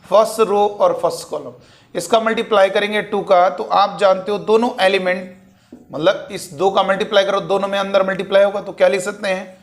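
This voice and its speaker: A man's voice: high-pitched, fairly even intonation, brisk. A man teaching maths to exam students, working through a problem step by step and asking and answering his own questions, with spoken.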